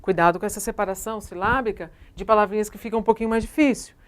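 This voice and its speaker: A female teacher with a Brazilian Portuguese accent delivers a grammar lesson at an ordinary, mid-range pitch. She explains step by step and keeps checking in with her students through short tag questions. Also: fairly even intonation, fast.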